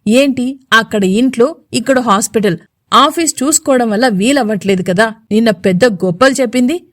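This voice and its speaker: Rich: A domineering middle-aged mother, as a woman reads her lines, scolding in a raised, fairly high voice with a hissing edge. The recording is close and dry. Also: normal speed, a bit bright, no room sound, natural voice. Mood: defensive.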